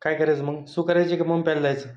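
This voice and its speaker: A man's voice: on the high side, level tone, quick pace, a little mellow. A man filming a casual family vlog, teasing and coaxing his small child in a playful way. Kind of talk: casual family vlog, talking to camera and toddler. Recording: dull lo-fi phone audio.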